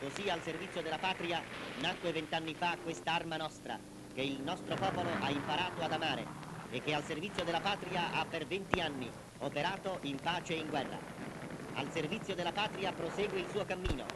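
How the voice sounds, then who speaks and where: Over loud music on a very noisy vintage 1940s newsreel soundtrack, a slightly high-voiced Italian man narrates wartime propaganda. His delivery is formal, declamatory, and solemn.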